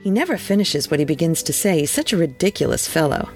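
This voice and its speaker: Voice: mid-range voice, big pitch swings, fast talker, darkish tone, faint music behind, natural voice. A reader voicing a spirited young wife. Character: young woman, lively and indignant niece. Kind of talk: storybook reading.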